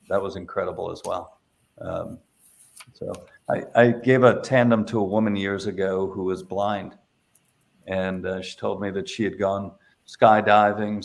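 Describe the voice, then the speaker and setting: A man's voice: low-pitched, vocal fry. A middle-aged man, a paramotor instructor, telling stories in a casual interview, with lots of fillers and restarts. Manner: hesitant, many fillers and restarts.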